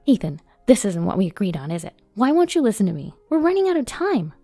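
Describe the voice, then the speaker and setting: A woman reading the part of a snobbish young bride, cutting and scornful, with a warm, mellow tone. Her voice sounds close and dry, with faint music underneath. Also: fairly low pitch, normal speed, no room sound, close to an everyday voice. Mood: irritable. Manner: sharp, scornful and stammering when cornered. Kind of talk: storybook reading.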